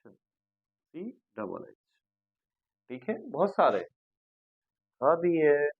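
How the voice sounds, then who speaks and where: A man teaching an English grammar lesson. He goes patiently, repeats sounds slowly and keeps checking that his students follow. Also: fairly high pitch, very animated, gravelly, breathy edge, no room sound, narrow, tinny audio.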